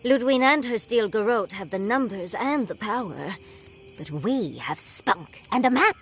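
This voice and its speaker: An actress playing a witty, teasing adventurer companion in a fantasy video game. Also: female voice, mid-range voice, lively intonation, unhurried, a little hiss or hum. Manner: dry, teasing humor.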